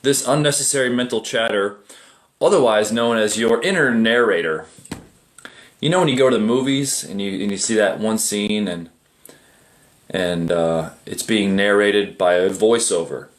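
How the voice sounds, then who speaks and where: A middle-aged man teaching meditation in a relaxed, conversational way, often asking rhetorical questions. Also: on the low side, normal speed. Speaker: meditation teacher and group admin. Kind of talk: casual livestream meditation talk.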